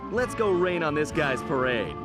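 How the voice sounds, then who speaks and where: A wry raccoon thief. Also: male voice, on the high side, sing-song, moderate pace. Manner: wry, wisecracking. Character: cool wisecracking male raccoon thief. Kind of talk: video game cutscene acting. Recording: game music underneath.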